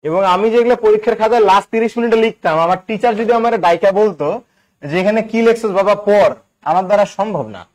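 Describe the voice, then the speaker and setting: Male grammar tutor, high voice, chatty, keeps quizzing the class. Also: fast talker, a little mellow. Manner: chatty, quizzes students with questions. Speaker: English grammar teacher. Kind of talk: live online class.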